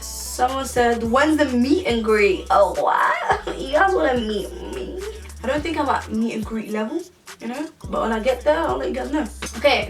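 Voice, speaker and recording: The voice here is on the high side: an Englishwoman in her 20s, a YouTuber, casually working through a Q&A for her vlog with plenty of rambling and restarts. A distant mic leaves her a bit off-mic in an echoey room, and music plays behind her.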